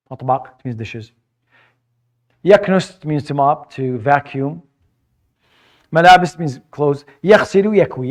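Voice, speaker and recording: A male teacher giving a classroom lecture, patiently explaining vocabulary and often repeating words while he searches for his phrasing. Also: a little high. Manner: mixes English explanation with Arabic vocabulary. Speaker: Arabic teacher.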